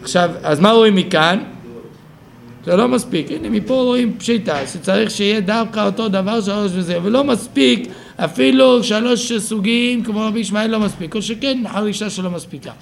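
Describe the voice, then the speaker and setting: A man's voice: high voice, vocal fry, a little hiss or hum. A man teaching a Talmud study class, explaining the text aloud and thinking it through with self-corrections.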